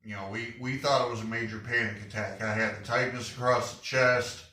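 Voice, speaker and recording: A man hosting his garage channel, talking plainly and haltingly with fillers, audibly short of breath. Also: mid-range voice, steady tone, pushed and bright, roomy sound, far from the mic, low-quality recording. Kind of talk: casual vlog update. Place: home garage.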